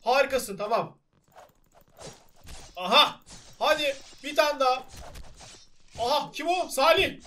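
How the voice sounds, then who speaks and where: Excitable young male streamer, high-pitched, bright and animated. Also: slow pace, pauses often. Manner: excitable, shouting, laughing. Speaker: gaming channel host. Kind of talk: excited gameplay commentary.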